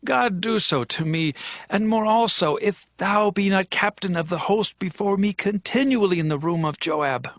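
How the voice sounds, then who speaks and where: A high-voiced, impassioned king, David. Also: normal speed, a bit bright, dry recording, clean studio sound. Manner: declamatory, emphatic, stately. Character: King David, commanding, impassioned male monarch. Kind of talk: dramatized scripture audio drama.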